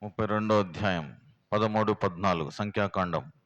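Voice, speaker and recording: A man's voice: fairly low pitch, fairly quick, a bit bright, dull audio. Man preaching. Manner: plain, homely, fires rhetorical questions at the congregation. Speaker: pastor. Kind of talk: sermon teaching. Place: prayer house.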